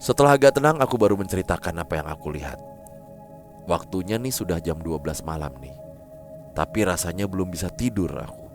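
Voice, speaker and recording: A man with a very low voice reads a horror story aloud, his pitch swinging widely as he dramatizes each scene. Faint music plays underneath. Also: animated, brisk. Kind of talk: first-person story reading.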